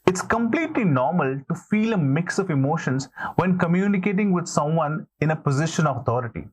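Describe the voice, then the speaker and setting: A man presenting scripted motivational advice as a video coach, with an encouraging, earnest manner and deliberate emphasis. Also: on the high side, animated. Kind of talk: scripted motivational instruction to camera.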